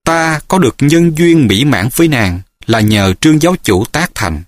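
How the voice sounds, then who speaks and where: A man's voice: a little high, lively intonation, moderate pace, no echo, clean studio sound, natural voice. A male storyteller voicing a smug, gloating young swordsman who speaks in a mocking tone in a martial-arts audiobook.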